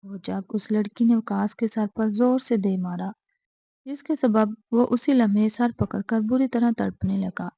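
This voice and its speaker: A woman reading a romance novel aloud in a measured, even narrating voice. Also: medium pitch, vocal fry, dry recording. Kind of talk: scripted narration. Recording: dull lo-fi home mic.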